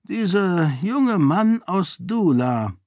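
A man's voice: high voice, sing-song, slow, darkish tone, no echo, studio quality, voice pushed up, full character voice. Man voicing a grave old duke.

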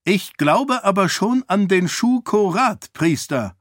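A scornful, impatient king who mocks whoever stands before him, as a male narrator puts him on. His voice rides high above the narrator's own and comes out pushed and sarcastic. The sound is close and dry, as in an audiobook studio. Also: lively intonation, takes it slowly, fairly bright tone, no echo, heavily acted. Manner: sarcastic, raised and pushing.

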